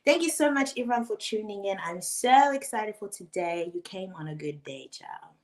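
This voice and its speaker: A woman in her twenties with a New Zealand accent, co-hosting a live podcast in a bubbly, excited way. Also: medium pitch, normal speed. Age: 20s. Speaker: podcast co-host.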